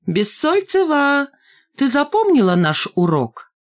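An audiobook reader voicing a brash, impudent schoolboy bully with a mocking, drawn-out way of talking. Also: medium pitch, big pitch swings, a bit bright, pitched above the performer's own voice. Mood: mocking cheeky. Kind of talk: audiobook character voice.

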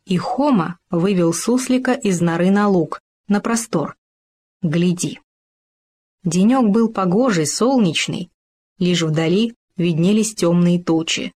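A woman narrating a children's story aloud in a calm, expressive reading voice. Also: lowish voice, unhurried.

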